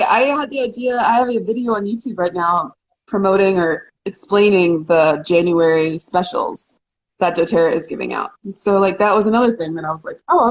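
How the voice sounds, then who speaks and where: A woman co-hosting a casual live chat, talking quickly and loosely, laughing often and restarting her sentences. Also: mid-range voice, poor audio. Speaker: co-host.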